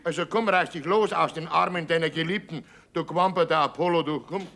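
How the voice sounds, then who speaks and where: Teasing Bavarian farm buddy, high and forceful, mock-flowery grumbler, stage folk comedy. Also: male voice, a little fast, creaky. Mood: grumbling, teasing. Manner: theatrical, sarcastic, bantering. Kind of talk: folk theatre comedy acting.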